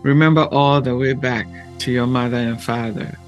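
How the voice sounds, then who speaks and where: A man speaking in a gentle, measured and deliberate way, with long pauses, as he hosts a reflective talk and guided meditation. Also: medium pitch, fairly even intonation, lo-fi sound, soft background music. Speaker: podcast host and meditation guide.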